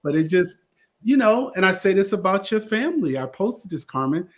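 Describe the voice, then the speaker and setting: Animated storytelling man from Connecticut. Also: sits high, moderate pace. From Connecticut, USA. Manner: animated storyteller, lively voices in anecdotes. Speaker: guest, attorney and theater producer. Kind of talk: casual storytelling interview.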